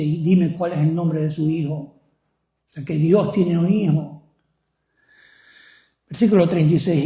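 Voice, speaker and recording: A man's voice: fairly high pitch, warm tone, echoey room. A male pastor preaching a sermon, often putting questions to the congregation.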